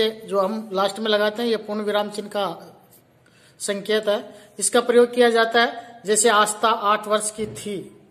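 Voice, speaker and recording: A woman teacher giving a grammar lesson to young schoolchildren, explaining slowly and repeating each point. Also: a little high, a bit bright. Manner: explains slowly, repeats words and reads out example sentences.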